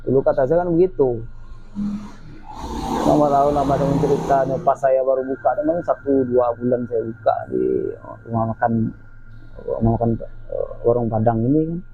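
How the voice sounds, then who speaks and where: Speaking at a normal pace with long pauses, this medium-pitched man is a guest sharing a ghost story that happened to him. His casual retelling is lively, and he performs the quoted voices of the people in it. Audio is dull lo-fi, carrying a faint hiss.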